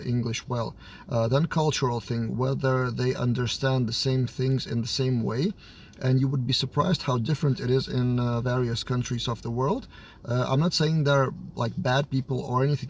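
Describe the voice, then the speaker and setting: Slightly sick with a cold, a Lithuanian-accented man who works as a software developer and team lead explains his view on camera in an ordinary, medium-pitched voice. He pauses and uses fillers as he works through his thoughts, and some background noise is audible.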